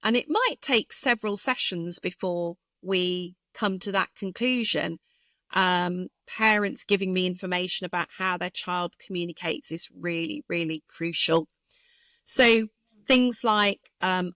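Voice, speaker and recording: A woman speech therapist, a guest in an interview, explaining carefully and thoughtfully with frequent pauses and fillers. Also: medium pitch, fairly bright tone, clear, resonant tone, no echo. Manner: thoughtful, hesitant with many fillers.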